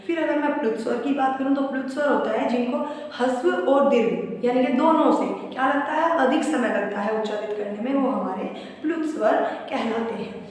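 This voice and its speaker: A woman's voice: high-pitched, fairly quick, a little mellow. A woman teaching an exam-prep grammar lesson who keeps putting questions to the class and answering them herself, repeating each key point. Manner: repetitive, asks and answers own questions. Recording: echoey room, voice from a distance.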